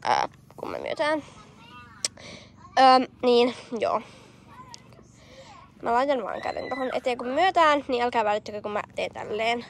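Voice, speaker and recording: A woman's voice: fairly high pitch, very animated, creaky, long pauses, slight background noise. A young woman vlogging outdoors on a field with a handheld camera, chatting casually with many fillers and calling out commands. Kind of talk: casual hobby-horse riding vlog.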